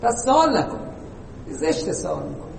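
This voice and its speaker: A man delivers an informal religious lesson in a conversational, teasing way, full of rhetorical questions. His voice sits unusually high. The recording comes from far off in a long-echoing hall, with a faint hiss underneath. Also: sing-song, a little mellow. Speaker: preacher. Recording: echoey hall, distant mic, faint noise.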